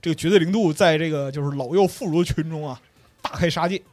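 A man's voice: on the high side, fast, a little mellow, no echo. A man hosting a podcast, telling a story in a traditional storyteller cadence with playful slang asides. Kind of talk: comic storyteller narration.

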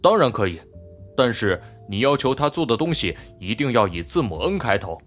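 A man's voice: mid-range voice, big pitch swings, a bit bright. A boastful, touchy male robot inventor from an audiobook, played by a man. His mid-range voice rises and falls animatedly over faint background music. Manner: boastful, quickly indignant. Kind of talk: audiobook character voice.

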